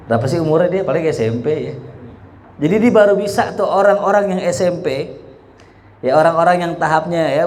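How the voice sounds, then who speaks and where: A young man teaching a religious study lesson, lively, with a habit of saying "ya" between phrases. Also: on the high side, slight background noise.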